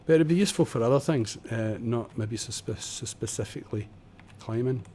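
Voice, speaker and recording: A mid-range, dark-toned male voice moves a little fast. The speaker is a man at home streaming a building game through a desk condenser microphone, casually chatting, muttering while building and being self-deprecating in his tutorial commentary.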